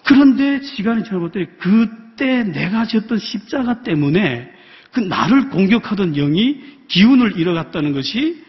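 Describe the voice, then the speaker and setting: A man from North Korea, a missionary preacher, giving a personal testimony sermon in a large church, reflective and halting, with many pauses and fillers. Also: sits high, very animated. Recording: dull, reverberant church hall sound.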